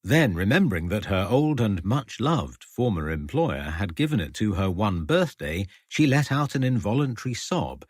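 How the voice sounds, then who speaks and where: A man narrates an audiobook in a measured, storytelling way. His voice is low and husky, with a lively rise and fall. The recording is close and dry. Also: dry recording. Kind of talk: scripted narration.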